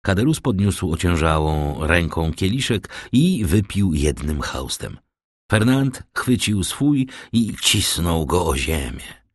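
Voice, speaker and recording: A man narrating an audiobook of a classic novel with measured, expressive storytelling into a close studio mic. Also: sits low, husky.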